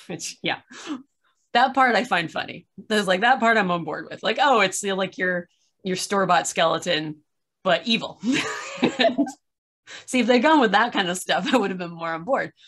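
A woman in her thirties, a podcast reviewer, chats casually on a video call from a small room at home. Her medium-pitched, fairly bright voice has lively intonation, a slightly slow pace, and frequent pauses. She recounts stories with opinions, wry exasperation, and acted-out asides.

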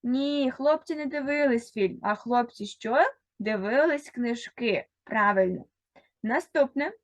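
A woman teacher giving a recorded reading lesson to first graders. She speaks slowly and carefully, sounding out words one by one, and talks straight to a single child, pausing for answers. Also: a little high, no echo. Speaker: primary school teacher.

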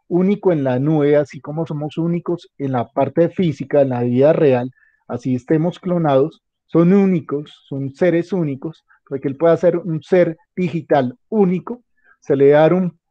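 A man giving a classroom lecture, halting and restarting often, checking in with the class after many phrases. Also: on the high side, mellow, no room sound. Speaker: teacher. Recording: dull, muffled lo-fi audio.

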